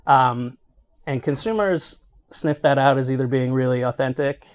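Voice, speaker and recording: A man's voice: medium pitch, normal speed, clean tone. A middle-aged man answering interview questions as an executive, explaining conversationally and often checking in with "right?". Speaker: healthcare marketing executive being interviewed.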